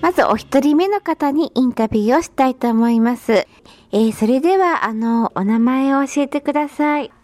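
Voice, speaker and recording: Courteous female radio host, high voice. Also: moderate pace, darkish tone, faint music behind. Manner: formal, courteous and encouraging. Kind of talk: polite radio interview.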